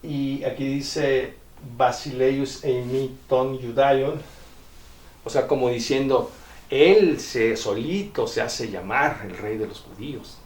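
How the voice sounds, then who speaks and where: A man giving a Bible lecture. He explains step by step, often checks in with his listeners, and slowly sounds out ancient Greek terms. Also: medium pitch. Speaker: Bible teacher. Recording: roomy echo, distant mic.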